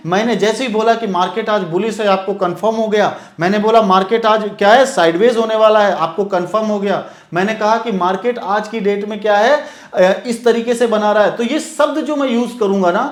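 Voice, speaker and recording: Guy from india teaching stock market basics, keeps asking his own questions and saying okay, echoey room. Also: high-pitched. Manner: repeats points, asks and answers own questions, frequent "okay?" checks. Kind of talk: classroom lecture on trading terms.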